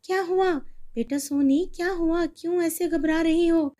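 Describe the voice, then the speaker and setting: A woman's voice: very high-pitched, fairly even intonation, unhurried, warm tone, pitched above the performer's own voice. A woman voicing a loving, worried widowed mother who soothes and pleads. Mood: soothing.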